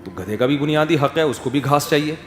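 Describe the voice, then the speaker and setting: Animated man preaching in an echoey hall. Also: a little high, slight background noise. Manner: animated, rises to emphatic questions, drops to soft quotes. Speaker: Islamic scholar giving a talk. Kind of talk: sermon. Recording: echoey hall with faint ambience.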